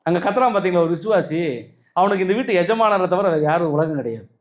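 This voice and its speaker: A man with a Tamil Nadu accent preaches to his followers in a raised, high voice. He hammers points home with repetition and rhetorical questions, calling out to the listeners directly. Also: animated, fast, slight background noise. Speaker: spiritual speaker. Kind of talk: spiritual talk to followers.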